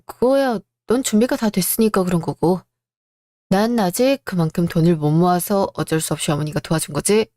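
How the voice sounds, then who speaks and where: A woman's voice: fairly low pitch, fairly quick, warm tone, no room sound, clean studio sound, natural voice. A woman voicing a smug, condescending elder brother who brushes off his younger brother's complaints. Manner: condescending, placating.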